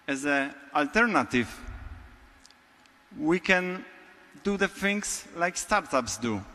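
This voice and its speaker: Speaking with a Polish accent, a conference speaker gives a prepared keynote in a large hall. His slightly high, bright voice moves very slowly, with pauses between short phrases, and a long room reverb trails after each one.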